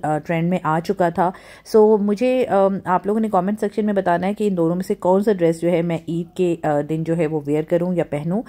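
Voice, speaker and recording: A middle-aged woman from Pakistan narrates her home vlog in a low, mellow voice. She talks in a chatty, easygoing way, full of fillers and stray English words. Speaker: vlogger.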